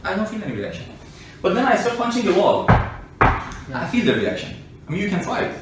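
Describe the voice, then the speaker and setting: This man's voice sits high, with huge pitch swings and a slightly fast pace. Describing himself as an engineer and scientist, he argues informally with a listener and works through everyday examples. The recording has an echoey room, a distant mic, and faint noise.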